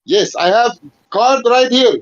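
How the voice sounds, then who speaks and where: A man putting on a high, nasal voice with a Mexican Spanish accent, playing a pushy male caller who speaks broken English and curses in Spanish. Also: takes it slowly. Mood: insistent. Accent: put-on Mexican Spanish accent. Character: adult male phone caller with a put-on Mexican accent, pushy job seeker. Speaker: prank caller. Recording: dull lo-fi phone line.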